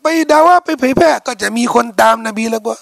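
A man preaching an Islamic lecture, telling the story in a colloquial, animated way and putting rhetorical questions to his listeners. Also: extremely high pitch, fast talker, vocal fry, no echo, clean studio sound.

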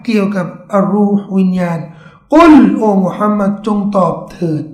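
High-voiced man lecturing in an echoey room. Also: normal speed. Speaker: religious teacher. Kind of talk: religious lecture.

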